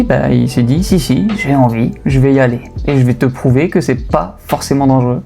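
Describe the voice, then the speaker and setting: A young Frenchman talks about cars in a loose, joking voice-over, full of slang and little hesitations. His tone sits warm and mellow. Faint lofi music plays under him. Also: mid-range voice, vocal fry. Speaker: car channel host. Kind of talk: casual voice-over commentary. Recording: faint music bed behind voice.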